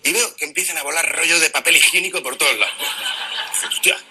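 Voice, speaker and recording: Animated comedian, very bright voice. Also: male voice, on the high side, fast, rough recording. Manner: animated storytelling, deadpan asides. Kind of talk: stand-up comedy monologue.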